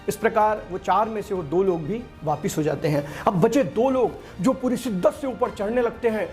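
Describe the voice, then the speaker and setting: A man's voice: extremely high pitch, a little mellow. A man telling a motivational story and addressing listeners as friends. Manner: addresses listeners as friends, voices villagers in quotes.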